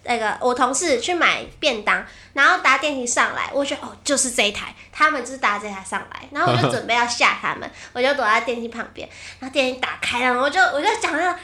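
A woman's voice: high voice, expressive, fast talker, hardly any pauses, pushed and bright. A woman co-hosting a podcast, chatting casually and trading stories. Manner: chatty, laughing asides. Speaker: podcast co-host. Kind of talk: casual chat.

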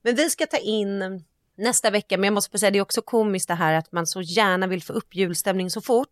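A woman in easygoing conversation, chiming in with agreement and thinking out loud. Her voice sits at a middle pitch and sounds dry and close, with no room echo. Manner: chatty, agrees often and reflects on the topic. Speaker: podcast co-host. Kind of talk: casual chat.

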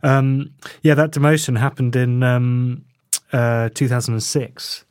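A man's voice: mid-range voice, steady tone, measured pace, darkish tone, clean tone, no room sound, clean studio sound. A man hosting a podcast, chiming in agreeably with short remarks. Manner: interjecting, agreeable. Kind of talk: casual chat.

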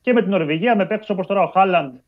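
A man reporting on national football team news as a guest on a live show. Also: high-pitched. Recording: dull lo-fi call audio.

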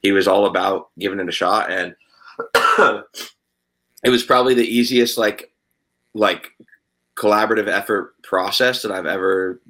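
A man who is a guest musician on a podcast, rambling in a relaxed way with many fillers. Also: fairly low pitch, normal speed, pauses often, poor audio. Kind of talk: casual interview chat.

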